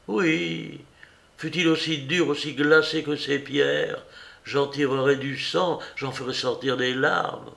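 A man reading a novel aloud voices a proud young woman who hurls bitter, vehement accusations, slowly and with a creaky grain. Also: a little high, steady tone, bright, forceful tone, exaggerated voice. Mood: scornful, indignant. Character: proud, scornful young woman, furious heiress.

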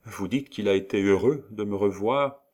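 A man's voice: on the low side, moderate pace, darkish tone, lightly acted. A man voicing a timid, emotional young woman who pleads through tears, in a storybook reading. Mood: pleading, eager. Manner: pleading, tearful.

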